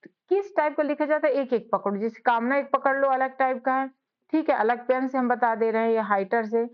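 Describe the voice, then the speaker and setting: A woman runs a spelling lesson and spells each word out one letter at a time. Her voice sits a little high. The recording sounds dull and lo-fi. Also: fairly even intonation, smooth. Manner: slow spelling out of letters, repeating words. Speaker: English teacher, channel host.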